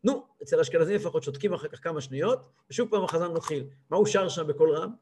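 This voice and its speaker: A man in his thirties, a rabbi giving a lively weekly lesson, who acts out a cantor's chanting and scolds him. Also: a little high, a little hiss or hum. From Israel. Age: 30s. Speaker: rabbi teaching a weekly class.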